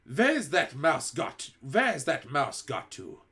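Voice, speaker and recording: A man reading a storybook aloud and voicing a cruel, commanding female witch leader who speaks slowly in a drawn-out, syrupy way. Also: a little high, wildly swooping pitch, fairly bright tone, voice pushed up, exaggerated voice. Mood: snapping. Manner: slow, syrupy, drawn-out delivery.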